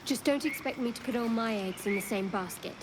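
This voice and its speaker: A woman's voice: a little high, brisk, close to an everyday voice. An actress voicing a wry, sardonic female companion in a video game, with dry, teasing sarcasm. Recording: game audio with noise.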